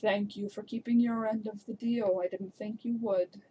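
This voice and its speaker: Smug vampire lord, woman putting him on, cold, quiet, tabletop game. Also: medium pitch, steady tone, moderate pace, husky, highs cut off, natural voice.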